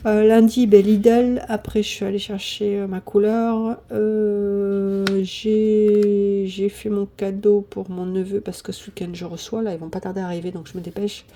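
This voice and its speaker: A woman's voice: mid-range voice, little pitch movement, measured pace, dark tone. A woman, chatting casually to viewers about her weekly budget, full of fillers and repeated "voilà, voilà". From southern France. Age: 50s. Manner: chatty, hesitant, many fillers. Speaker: budgeting vlogger.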